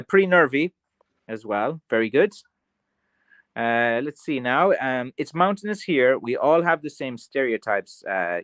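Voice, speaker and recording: A man's voice: mid-range voice, fairly bright tone, no echo, studio quality. A man with a mild west of Ireland Kerry accent, chatting casually on a livestream in a rambling, tongue-in-cheek way as he answers comments. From County Kerry, Ireland. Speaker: craftsman streamer selling blackthorn sticks.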